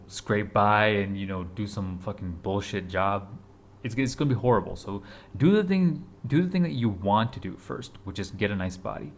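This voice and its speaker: A man in his twenties giving a casual motivational talk to camera, urgent and repetitive, blunt, with casual swearing. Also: lowish voice. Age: 20s. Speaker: fitness vlogger.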